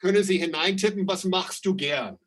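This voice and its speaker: A man teaching a live online German class, slowly repeating questions and reading out his students' answers. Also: high voice, rough recording.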